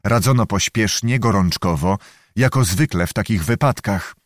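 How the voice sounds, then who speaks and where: A man narrating a historical novel as an audiobook, in a measured, solemn reading. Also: on the low side, dry recording, studio quality.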